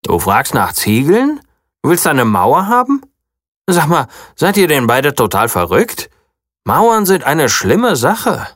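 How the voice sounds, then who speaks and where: A narrator doing a stubborn curious dog. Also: male voice, medium pitch, sing-song, a little slow, fairly bright tone, no room sound, studio quality, exaggerated voice. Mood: scolding. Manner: determined, scolding.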